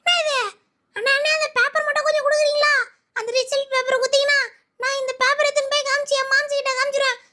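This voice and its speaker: A performer voicing a mischievous little schoolboy who whines and pleads, often close to tears, in a squeaky high voice. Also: level tone, racing. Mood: eager. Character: mischievous little schoolboy Shinchan, fretful about exams. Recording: loud background noise.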